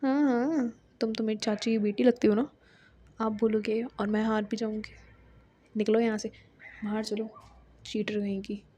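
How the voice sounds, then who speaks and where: A sharp-tongued young college woman throws back sarcastic retorts, voiced by a woman storyteller. Her voice is a little high and warm, with a dark, mellow tone. She talks in quick, mocking jabs. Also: level tone, close to an everyday voice.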